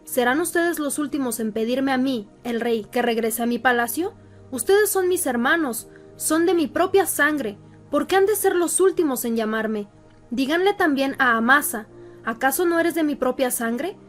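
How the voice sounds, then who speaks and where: A woman reading the lines of a grieving old king, an anguished father, in a wailing, drawn-out lament. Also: sits high, expressive, faint music behind. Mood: pleading.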